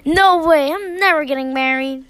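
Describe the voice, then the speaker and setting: An eager, boyish young hero with a high, excited voice, as a woman reading the story voices him. He speaks earnestly and keeps close to the reader's own voice. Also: moderate pace, dry recording.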